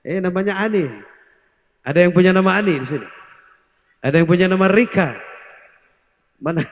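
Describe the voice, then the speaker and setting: A man's voice: high-pitched, normal speed. A male preacher giving a comic sermon, joking and teasing the crowd, mixing in Javanese words. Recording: echoey hall, long reverb.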